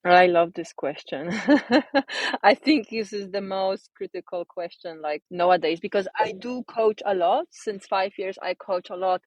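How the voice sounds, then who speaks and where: A woman with a Polish accent, a designer and coach speaking casually as an interview guest, thoughtful and pausing to search for words. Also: mid-range voice, dry recording, low-quality recording. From Poland.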